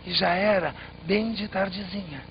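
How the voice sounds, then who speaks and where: A man telling a traditional tale with expressive, dramatic pauses. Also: sits high, vocal fry. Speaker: storyteller. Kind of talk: oral storytelling. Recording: slightly muffled, faint background noise.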